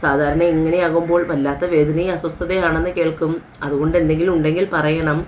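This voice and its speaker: A woman voicing a caring young husband who gently reassures his new wife in a story. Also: deep voice, fairly even intonation, fast, slight background noise, lightly acted. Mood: gentle.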